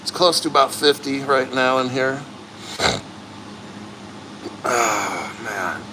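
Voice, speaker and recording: Neck-deep in icy water, a man hosting a livestream speaks candidly and earnestly to his audience, fighting the cold. His pitch barely moves, his pace is moderate, and background noise is audible.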